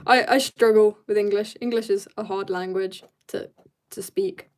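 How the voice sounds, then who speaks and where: On a relaxed drawing livestream, a woman reads viewer comments aloud, replies to them, and drifts into quiet mumbling to herself while she works, mentioning that she's tired. Her voice sits in the mid-range with fairly even intonation and a moderate pace.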